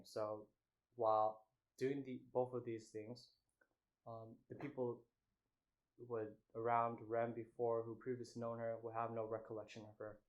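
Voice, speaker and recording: A young man talking casually as a food vlogger, in a halting way, often breaking off and restarting his phrases. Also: medium pitch, low-quality recording. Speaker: mukbang vlogger. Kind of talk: casual chat to camera.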